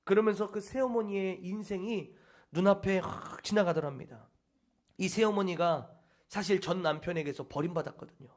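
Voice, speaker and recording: A male pastor preaching a sermon, telling a story dramatically and dropping from loud passages into hushed whispers. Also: sits high, normal speed. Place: church service hall.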